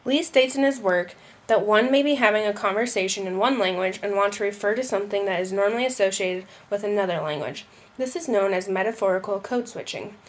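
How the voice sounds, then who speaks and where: A woman's voice: medium pitch, fairly quick. A young woman reading a school presentation aloud, with occasional slips and restarts. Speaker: student presenter.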